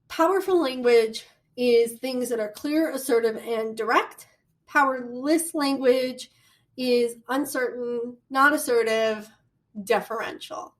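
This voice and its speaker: A woman with a Midwestern American accent giving a recorded college lecture, chatty and animated, with storytelling asides. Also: a little high. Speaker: college communication instructor.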